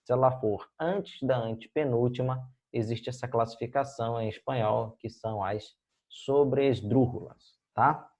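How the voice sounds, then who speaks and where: A Brazilian man teaches Spanish in a recorded video lesson, explaining patiently and checking in with students after almost every phrase with "tá?" and "beleza, gente?". His mid-range voice is a little slow and darkish, and the audio is dull.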